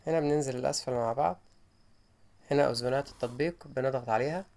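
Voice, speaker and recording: A man's voice: medium pitch, gravelly, a little mellow. A man with an Egyptian Arabic accent, narrating a step-by-step phone tutorial. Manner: quick instructional, guiding step by step. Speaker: tech tutorial host.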